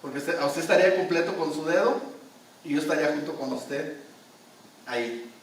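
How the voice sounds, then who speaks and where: Calm faithful servant guy , preacher doing him, soothing, lots of room echo. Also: a little high, fairly quick, a little hiss or hum, lightly acted. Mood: explaining. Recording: echoey church hall, distant mic.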